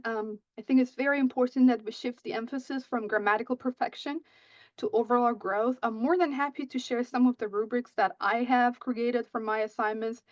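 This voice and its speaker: A writing instructor whose native language is Persian gives a conference presentation on teaching writing in a slightly high voice. She keeps checking in with "right?" and restarts many sentences, and the audio is muffled and dry with no echo.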